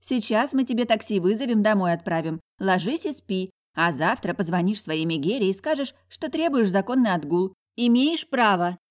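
A woman voicing a blunt, glamorous female friend who talks loudly and coarsely in a storybook reading. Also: medium pitch, expressive, moderate pace, hardly any pauses, voice pushed up, close to an everyday voice. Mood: bossy. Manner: loud, coarse, emphatic.

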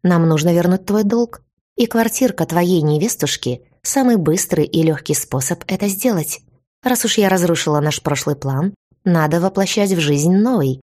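A woman's voice: on the low side, moderate pace, dark tone, close to an everyday voice. A treacherous young woman in a spoken story, with a ringing voice and a smug, taunting edge, as the woman narrating puts her on. She sneers at the heroine with open contempt.

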